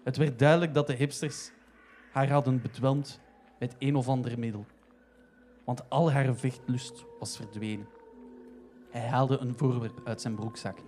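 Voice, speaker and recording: A man narrating a comic story in a steady, even way. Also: medium pitch, a little slow, pauses often, a little hiss or hum.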